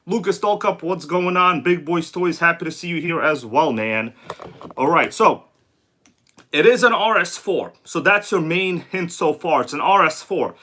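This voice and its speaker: A livestream host chats casually and slangily, greeting viewers by name in a fairly high, expressive voice with a sharp tone. He keeps a moderate pace, though a sore throat leaves him sounding congested.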